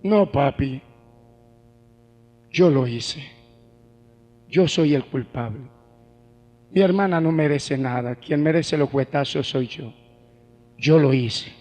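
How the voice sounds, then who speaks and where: A man voicing his seven-year-old son, tearfully confessing in a hushed voice. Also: takes it slowly, long pauses, in a large hall. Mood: remorseful. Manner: hushed, low and quiet.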